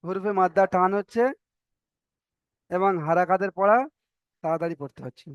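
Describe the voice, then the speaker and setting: A man teaching a reading class, patient and methodical, sounding out each letter and drawing long vowels out slowly for students to copy. His voice sits a little high for a man and comes across smooth and clear. The recording is dry and slightly dull. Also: fairly even intonation, no echo. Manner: patient, repeats each example and checks understanding.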